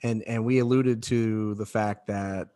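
A man co-hosting a faith-based parenting talk. He speaks candidly and haltingly, often repeating words as he starts a thought. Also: fairly low pitch, fairly even intonation, dark tone. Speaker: podcast co-host.

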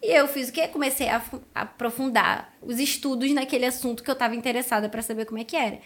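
A woman's voice: a little high, quick pace. A woman guest on a podcast, casually telling her story and acting out quoted dialogue. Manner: animated, lively retelling with quoted dialogue.

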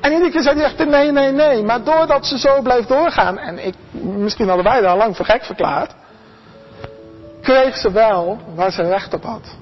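An earnest preacher delivers a sermon straight to the listeners, at an everyday middle pitch, often doubling back on a word before pushing on. The recording is slightly muffled and lacks sparkle. Quiet music sits faintly in the background. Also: expressive, moderate pace, in a large hall. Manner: earnest, addresses the congregation directly, acts out quoted voices; repeats and restarts words.

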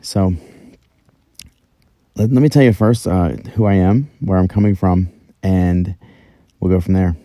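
A man's voice: sits low, fairly even intonation, unhurried, long pauses, warm tone, dry recording. A middle-aged man hosting a solo podcast from inside a closet, telling his own story in a casual, conversational, self-deprecating way. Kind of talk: casual first-person podcast monologue. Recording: very dry, close closet recording.

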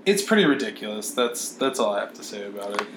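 A man's voice: lowish voice, sing-song, quick pace, a bit bright, reverberant, slight background noise. A man co-hosting a podcast in casual sports chat, blunt, opinionated and profane. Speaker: podcast co-host.

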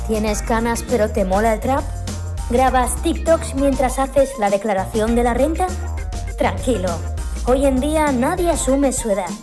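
A woman's voice: on the high side, unhurried. A woman reading a parody commercial in an upbeat, mock-salesy way. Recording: music bed under voice.

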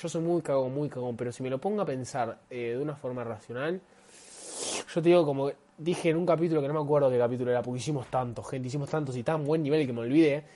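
A man's voice: mid-range voice, fast, dark tone, a little hiss or hum. A man co-hosting a casual podcast with friends, speaking, joking and laughing often. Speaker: podcast co-host. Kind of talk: casual banter among friends.

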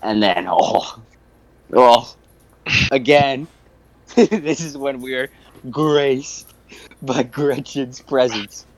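A young man hosting a podcast, telling a story in a casual, profane, animated way with frequent laughter. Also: mid-range voice, extremely slow, long pauses, a little hiss or hum. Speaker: podcast host.

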